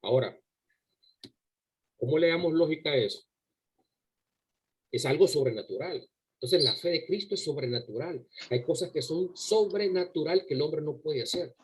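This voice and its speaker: A man preaches a sermon to his congregation at a church service, emphatic and full of rhetorical questions, often repeating words as he goes. His fairly high, expressive voice has a breathy edge and moves at a normal speed with long pauses, on a low-quality recording.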